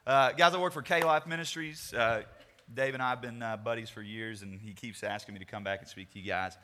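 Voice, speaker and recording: A man's voice: medium pitch, steady tone, fairly quick, pushed and bright, a little hiss or hum. A young man speaking casually to a youth group, rambling and self-deprecating with jokes before turning to a sermon. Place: large meeting room with a crowd. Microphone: handheld microphone. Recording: hall reverb.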